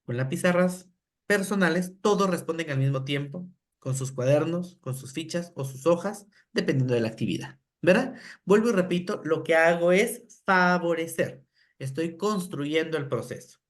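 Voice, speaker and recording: Guatemalan guy giving a teacher training lecture, keeps asking "right?", acts out little classroom lines louder. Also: fairly high pitch, normal speed. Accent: Guatemalan Spanish. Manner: explanatory, with many rhetorical questions and tag "¿verdad?"; acts out classroom phrases in a raised voice. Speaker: education lecturer.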